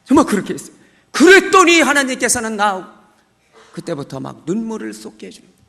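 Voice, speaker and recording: A man's voice: high voice, huge pitch swings, brisk, creaky, sharp tone. A middle-aged man, a church deacon, giving a testimony with dramatic acted-out prayers and cries of amen. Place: church service hall. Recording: long church hall reverb.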